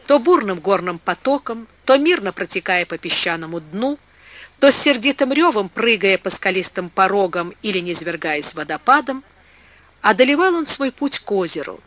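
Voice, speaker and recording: An audiobook narrator reading a classic adventure novel in measured storytelling narration. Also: medium pitch, very animated, lo-fi sound.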